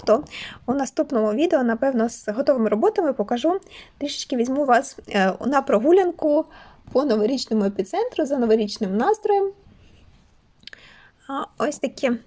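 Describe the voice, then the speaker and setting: A woman's voice: sits high, darkish tone. A cheerful, chatty woman from Ukraine showing her crocheted toys in a casual vlog. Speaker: crochet toy maker vlogger. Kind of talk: casual show-and-tell chat.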